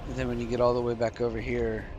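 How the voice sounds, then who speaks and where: Speaking fast in a mid-range voice, this man offers casual gameplay commentary while streaming, sounding tired and relaxed, yawning as he explains his moves. He uses a desk microphone, the highs are cut off, and the background is noisy.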